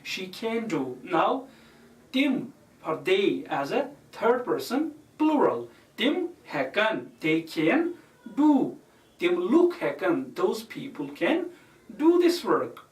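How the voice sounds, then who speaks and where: Male language teacher, slow unhurried delivery, repeats examples, roomy echo, mic far off. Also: high-pitched, big pitch swings. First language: Kashmiri. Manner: repeats each example word by word while explaining. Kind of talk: recorded language lecture.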